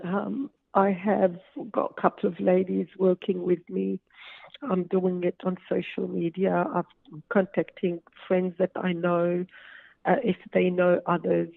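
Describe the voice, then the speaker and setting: This phone interview features a woman from Lebanon, an author talking earnestly from her home. Her voice is lowish, gravelly, and monotone, her pace unhurried, and she uses hesitant fillers; the line sounds tinny and dry with no room sound.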